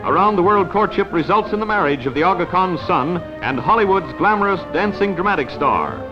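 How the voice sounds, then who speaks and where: High-pitched old newsreel announcer man. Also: expressive, brisk. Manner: emphatic announcer delivery. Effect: old newsreel narration. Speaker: newsreel narrator. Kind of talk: 1940s newsreel narration. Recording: dull lo-fi archival sound with loud music. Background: music score.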